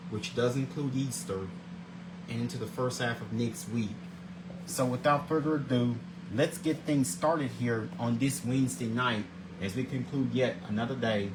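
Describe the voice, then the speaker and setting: A man in his forties hosts a casual vlog, speaking at an ordinary pitch. He trips over his words, repeating and restarting phrases as he reads out his segments. Clear background noise sits under his voice. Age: 40s. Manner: repeats and restarts words often, stumbles while reading; earnest, religious greetings. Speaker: host of a daily video show. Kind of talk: casual scripted vlog, reading segments aloud.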